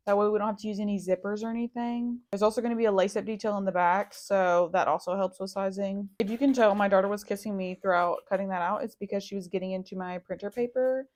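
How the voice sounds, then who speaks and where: A young woman hosting a casual home sewing tutorial, chatty and quick to interrupt herself. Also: medium pitch, fairly even intonation, darkish tone. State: a little out of breath. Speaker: sewing channel host.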